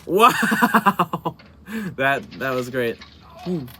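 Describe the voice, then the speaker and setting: A man hosting a reaction video, giving excitable, slangy commentary and laughing easily. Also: mid-range voice, unhurried, a little hiss or hum.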